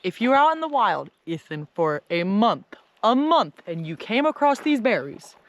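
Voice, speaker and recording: Out hiking a trail with her cousin, a vlogger, a woman chats casually in a playful, teasing way. Her mid-range voice is sing-song at a normal speed, with slight background noise.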